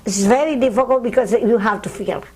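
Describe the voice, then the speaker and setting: An older woman, a piano teacher, speaking halting non-native English in an interview and counting beats aloud. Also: a little high, poor audio. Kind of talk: interview with demonstration.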